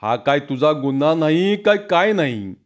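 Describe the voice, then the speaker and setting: A man voicing a gruff, bossy village strongman who talks bluntly and gives orders. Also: a little high, sing-song, normal speed, highs cut off. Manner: blunt, commanding.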